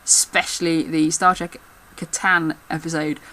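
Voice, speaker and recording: A woman's voice: deep voice, little pitch movement, moderate pace, sharp tone, rough recording. A middle-aged woman with a Midlands accent, chatting casually to camera in a rambling way and laughing often. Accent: English Midlands. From English Midlands. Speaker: vlogger. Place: room at home. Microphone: camera mic.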